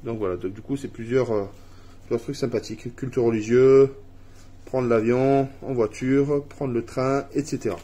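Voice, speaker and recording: A man's voice: medium pitch, fairly even intonation, moderate pace, mellow. A man from France casually unboxing a family board game at home, reading cards aloud and laughing at his own English accent.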